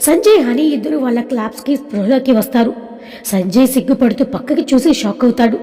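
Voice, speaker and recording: A woman narrates a scripted audio story in a steady, even storytelling manner. Her voice sits fairly high with a warm, mellow tone. The recording carries a long hall reverb. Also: brisk.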